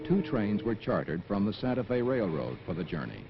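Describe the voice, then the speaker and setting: A man's voice: lowish voice, big pitch swings, fairly quick, noisy background. A man reading formal, scripted documentary narration on a dull film soundtrack. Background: music.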